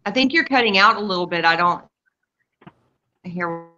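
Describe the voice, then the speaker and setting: A woman's voice: fairly low pitch, normal speed, bright, forceful tone, muffled recording. A woman in her fifties from Dallas, a talk show guest whose remote call audio keeps cutting out and dropping. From Dallas, Texas. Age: 50s. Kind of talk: casual chat. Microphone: video call.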